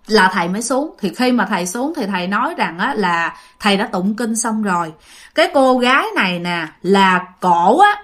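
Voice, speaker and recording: A woman's voice: medium pitch, a bit bright. A woman telling a ghost story in a chatty, informal way, speaking straight to her listeners.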